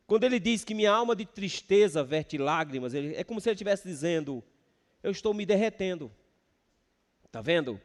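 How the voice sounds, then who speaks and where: A Brazilian man preaching a sermon as pastor, swinging between loud emphasis and hushed words. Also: sits high. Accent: Brazilian Portuguese. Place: church sanctuary. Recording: church hall reverb.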